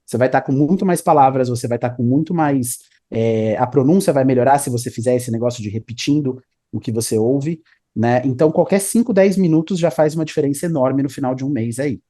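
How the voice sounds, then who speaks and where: A man's voice: mid-range voice, a little fast, warm tone. A man, an English teacher explaining study tips in a casual interview, often adding "né?" and "tá?". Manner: explanatory, repeats 'né?' and 'tá?'.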